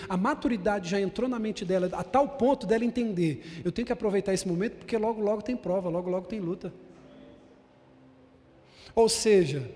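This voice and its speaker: In a large church hall, a man preaching as a bishop presses his points with emphatic repetition and calls the congregation brother. His voice sits high and is a little mellow, with a big-room sound.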